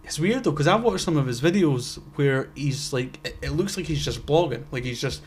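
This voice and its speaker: A young Scottish man co-hosts a podcast, chatting casually in a slightly high, animated voice at a moderate pace. He rambles, cuts himself off mid-sentence and drops wry asides, with a faint hiss or hum in the recording.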